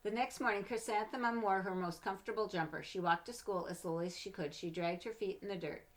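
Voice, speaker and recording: A woman's voice: mid-range voice, fairly even intonation, quick pace. A woman reading a children's storybook aloud, with casual asides to the listeners. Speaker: storybook reader.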